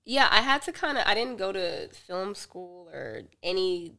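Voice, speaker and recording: Brief: woman guest in a studio podcast, bright edgy tone, animated anecdotes. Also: medium pitch, a little slow, vocal fry. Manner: animated storyteller who acts out dialogue with laughs. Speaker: podcast guest, film director. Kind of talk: casual podcast chat.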